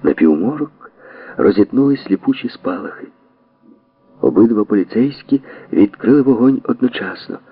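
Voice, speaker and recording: A man narrating an audiobook, telling the story briskly and voicing every character himself. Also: on the low side, expressive, husky, no echo. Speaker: audiobook reader. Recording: dry tinny narrow-band audio.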